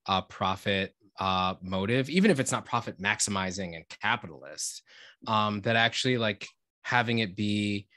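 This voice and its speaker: A man's voice: lowish voice, normal speed, pushed and bright. A man on a video call as a panelist in an online discussion, thinking aloud with frequent fillers and restarts.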